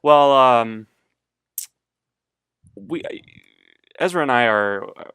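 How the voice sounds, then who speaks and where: A young man chats loosely on a podcast, hesitating and circling back, dropping profanity as he goes. His voice is smooth and clear, sitting at a middle pitch. The mic is close and the room is dry. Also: expressive, drawn-out words, fairly bright tone, no room sound. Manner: rambling, profane, hesitant with many fillers. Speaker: podcast co-host. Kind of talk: casual podcast chat.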